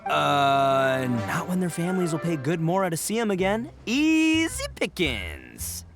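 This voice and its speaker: A man's voice: a little high, huge pitch swings, unhurried, heavily acted. An actor playing a boastful, goofy young male gang boss in a game, blustering and stammering as he talks. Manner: blustering, stammering, laughing between words. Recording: game cutscene audio with music behind.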